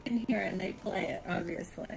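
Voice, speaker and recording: Her voice sits on the low side and turns creaky as she talks a little fast, with faint music behind her. She's a California woman with an American accent, casually chatting and chuckling through a tour of her own built world.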